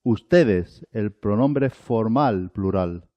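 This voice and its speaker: A man teaching a Spanish lesson, drilling single words one at a time with long pauses between them. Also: on the low side, lively intonation, no echo. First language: Arabic. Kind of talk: slow, deliberate language lesson. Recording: dull, lo-fi dry recording.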